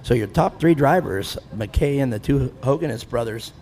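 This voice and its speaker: Amid a noisy background, a medium-pitched man in his fifties animatedly announces an off-road race at normal speed. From the grandstand of the outdoor track, he keeps up a chatty, self-deprecating patter full of laughs.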